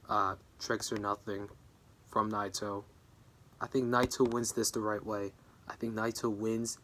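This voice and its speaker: A fatigued man shares wrestling predictions in a casual vlog from home, meandering, cutting in on himself, and often going off on tangents. His pitch is fairly low, his tone bright and forceful, with slight background noise.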